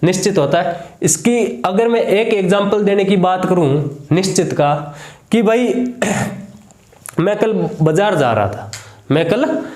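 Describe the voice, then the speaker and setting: A man's voice: high voice, slow, darkish tone, reverberant. A man teaching a grammar lesson in a Hindi accent. He asks the class a question and then repeats the answer.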